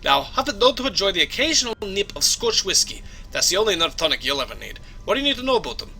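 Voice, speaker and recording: A man's voice: sits high, big pitch swings, fast, pushed and bright, a little hiss or hum, pitched above the performer's own voice, full character voice, low-quality recording. A man putting on a blustery Scottish starship engineer. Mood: jovial. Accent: put-on Scottish. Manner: hearty, blustery, rolling brogue. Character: boisterous male Scottish starship engineer, fond of whisky.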